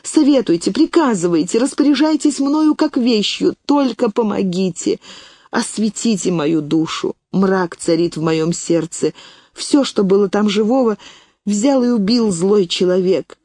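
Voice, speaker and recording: A woman's voice: medium pitch, a little slow, mellow, no room sound, clean studio sound, natural voice. A woman reading the part of a despairing young woman begging her aunt for help, raised and pleading. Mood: desperate pleading.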